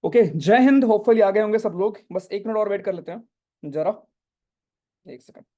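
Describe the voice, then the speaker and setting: A man's voice: high voice, normal speed, dark tone. A young man teaching a live online class, chatty, mixing Hindi and English and often checking "right?" with students. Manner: chatty, reads student questions, asks "right?" often. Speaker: online exam-prep teacher.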